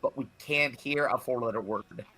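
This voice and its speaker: A man's voice: medium pitch, normal speed, sharp tone, breathy edge. Chatty man in casual talk. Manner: chatty, with "um" and "you know". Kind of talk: casual reaction chat.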